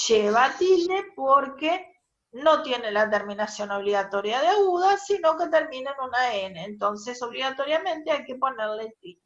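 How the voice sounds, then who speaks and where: A woman's voice: high-pitched, a bit bright, dull audio. A woman teacher, explaining a grammar rule step by step in an online class and checking in with her students. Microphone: video call.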